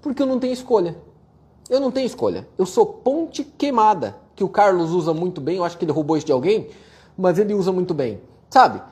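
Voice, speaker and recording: A man giving a blunt, profane motivational rant while answering viewer questions, forceful and mocking toward complainers. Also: high-pitched, sing-song, fast. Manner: forceful, profane, mocks complainers in whiny voices.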